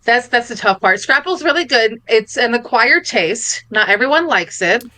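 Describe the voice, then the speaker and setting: Co-host, woman, Philly/North Jersey accent, bright and high, eager rambling talker. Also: lively intonation, normal speed, no room sound. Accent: Philadelphia and North Jersey. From Philadelphia area. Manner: enthusiastic, laughs often, rambling food descriptions. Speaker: podcast co-host. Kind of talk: casual chat.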